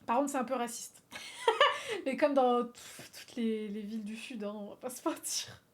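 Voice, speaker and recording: A woman from France chatting on a livestream, animated and swearing freely, laughing often and slipping in English phrases. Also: a little high, moderate pace. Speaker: streamer. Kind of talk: casual livestream chat.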